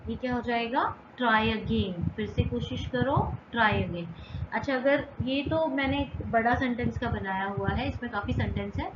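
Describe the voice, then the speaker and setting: Woman teacher, unhurried and repetitive, slightly high voice, dull and noisy roomy recording. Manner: repeats each phrase slowly, asks and answers her own questions. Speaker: English teacher. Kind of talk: slow, repetitive spoken-English lesson.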